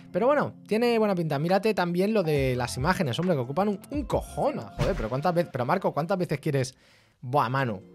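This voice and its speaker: A man talks through a casual live stream in a somewhat high voice that jumps around animatedly. He is blunt and joking, tossing in colloquial interjections, with faint music playing underneath. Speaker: streamer reviewing web portfolios.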